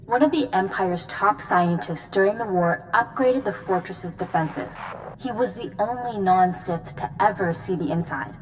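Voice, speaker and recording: For a video game cutscene, a woman performs as a stern and determined Jedi commander giving briefings with measured authority. Her mid-range voice sounds natural, though the audio is poor and carries some background noise.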